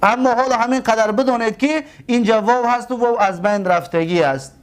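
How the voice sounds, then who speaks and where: A man gives a classroom lecture as a religious teacher. He asks the class questions, answers them himself, and stretches out and repeats example words slowly. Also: extremely high pitch, clean tone.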